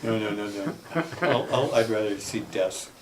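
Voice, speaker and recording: A council member speaking up at a meeting in a dry manner, trailing off quietly. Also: male voice, on the low side, moderate pace, heavy background noise.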